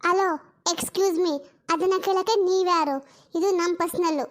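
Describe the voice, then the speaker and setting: Someone voicing a sharp-tongued defiant young bride. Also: very high voice, steady tone. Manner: defiant, quick retorts. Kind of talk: family drama voice acting.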